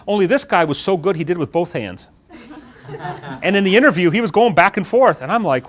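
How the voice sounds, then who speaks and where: A middle-aged man speaks to a room of students about interviewing. He talks fast in a slightly raised voice and stays animated throughout. He keeps the room involved by asking the students questions. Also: sits high. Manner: animated, talks with his hands, asks the audience questions. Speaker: guest speaker on job interviews. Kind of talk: lively classroom talk to students. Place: lecture room with student audience.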